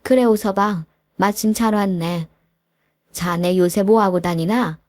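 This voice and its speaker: A woman's voice: mid-range voice, a little slow, a little mellow, no room sound, clean studio sound, close to an everyday voice. A woman voicing a blunt, worried middle-aged mother who scolds her son-in-law in a storybook reading. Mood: scolding. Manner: blunt, nagging questions.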